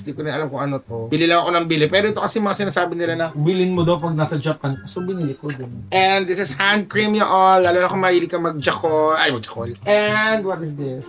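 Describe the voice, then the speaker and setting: A man with a Filipino accent hosting a casual haul vlog, campy and playful, jumping from quiet asides to loud squeals. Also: a little high. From Philippines. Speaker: vlog host.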